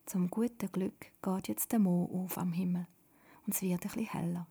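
Brief: woman narrator, whispered storytelling, breathy and husky. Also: fairly low pitch, fairly even intonation, normal speed, dark tone.

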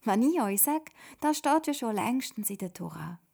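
A woman voicing a calm male preacher speaking slowly and reassuringly, with a Swiss German accent. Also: a little high, gravelly, husky, pitched above the performer's own voice, full character voice. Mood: solemn.

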